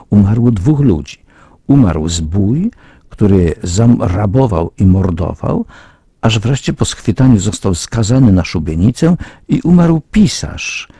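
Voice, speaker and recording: A man reading a moral fable aloud in a measured, solemn, earnest storytelling manner. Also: fairly low pitch, gravelly, mellow, husky, dry recording, clean studio sound.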